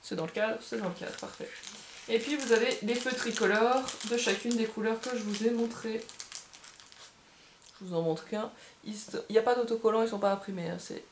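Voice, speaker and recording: A woman's voice: a little high, brisk, a little hiss or hum. A woman casually unboxing and presenting a board game, thinking aloud and gushing with delight over small details. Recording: echoey room.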